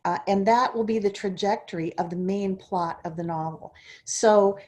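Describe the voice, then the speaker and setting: Woman host at a book club, mid-pitch voice, walks through her points one by one. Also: moderate pace, darkish tone. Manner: explanatory, lays out points step by step. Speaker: English professor hosting a book club. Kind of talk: informal lecture at a book club.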